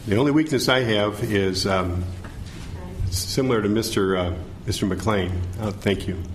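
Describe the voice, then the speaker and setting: Middle-aged American man, lowish voice, formal candidate answers, hesitant, faint background noise. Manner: halting, hesitant, stumbling over words. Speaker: judicial candidate, city attorney.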